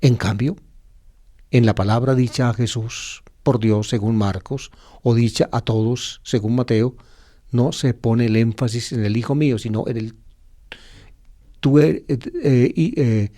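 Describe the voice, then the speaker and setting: Male priest, mid pitch, mellow tone, unhurried teacherly sermon with frequent fillers and self-corrections. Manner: teacherly, explains slowly with many fillers and restarts. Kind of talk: gospel reflection sermon.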